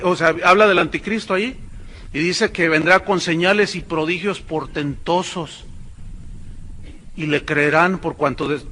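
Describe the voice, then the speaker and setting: A man's voice: on the high side, bright, forceful tone. Emphatic man preaching a sermon. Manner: emphatic, conversational, keeps addressing listeners as brothers. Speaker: pastor.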